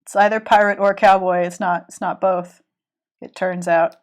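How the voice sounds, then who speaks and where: A woman's voice: on the low side, flat delivery, moderate pace. A woman with a cold, chatting casually and rambling with restarts while she draws on a live stream. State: has a cold. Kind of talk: casual chat while drawing.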